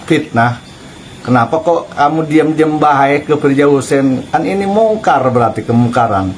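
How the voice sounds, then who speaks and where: A man's voice: medium pitch, a little mellow, a little hiss or hum, poor audio. A man commenting on a played-back recording in a casual vlog, mocking and asking taunting questions.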